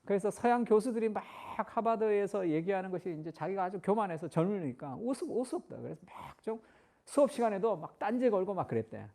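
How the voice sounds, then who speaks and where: Mellow-voiced male pastor preaching. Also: high voice, gravelly. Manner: storytelling, acting out quoted lines with shifting loudness. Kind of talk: sermon.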